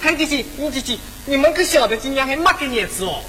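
Woman acting out a mischievous young man, Gannan accent, very high voice, stage opera, echoing hall with music. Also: lively intonation, fast talker, slight background noise. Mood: cheerful. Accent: Gannan (southern Jiangxi). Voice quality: bright, high, sing-song stage delivery. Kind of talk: regional tea-picking opera performance.

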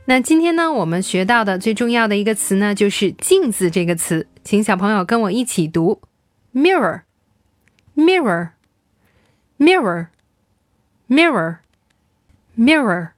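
Lively woman teaching children English. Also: mid-range voice, no echo. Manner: slow, drawn-out repetition of English words for children to follow.

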